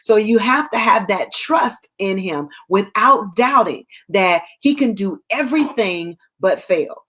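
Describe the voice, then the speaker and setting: A woman's voice: mid-range voice, expressive, a little slow, few pauses, fairly bright tone, breathy edge. A woman giving casual Bible teaching as host of her web show, talking conversationally and acting out scripture scenes in quoted voices.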